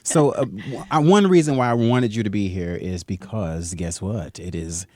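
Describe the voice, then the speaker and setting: A man's voice: on the low side, moderate pace, a crowd in the background. A man hosting an entertainment podcast, chatting in a playful, upbeat way with his co-host and guest. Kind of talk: casual podcast chat.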